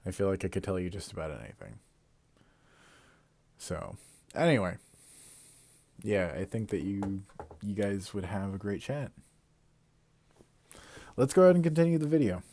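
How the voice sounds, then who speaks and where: A man's voice: low voice, expressive, normal speed, pauses often, dark tone. Rambling, swearing young male streamer. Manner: rambling, self-correcting, swears, laughs at himself. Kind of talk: casual live-stream commentary.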